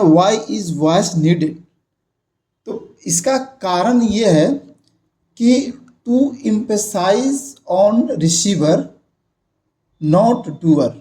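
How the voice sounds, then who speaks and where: A man's voice: high voice, warm tone. A young man explaining a grammar lesson, repeating points and checking in with his viewers. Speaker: grammar teacher.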